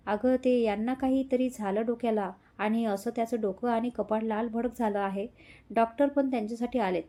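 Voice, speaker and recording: A distraught young woman begs through tears in a storybook audio drama, voiced by a woman narrator. Her voice sits fairly high, with a soft, mellow tone. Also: fairly even intonation, moderate pace, natural voice. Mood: worried. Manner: tearful, pleading.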